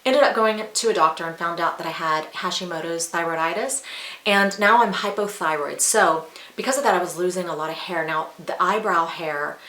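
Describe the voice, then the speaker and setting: In a roomy, echoey recording with faint hiss, a woman in her forties speaks at a fairly low pitch, brisk, pushed and bright. She's a beauty vlogger chatting casually and candidly to viewers while applying makeup, rambling with asides.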